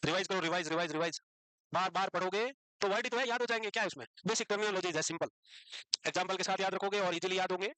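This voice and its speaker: A man teaching psychiatry to a class, brisk and scolding, calling his students "beta" and mixing English medical terms into his Hindi. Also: high-pitched, fairly even intonation, sharp tone, dry recording. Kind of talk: classroom lecture.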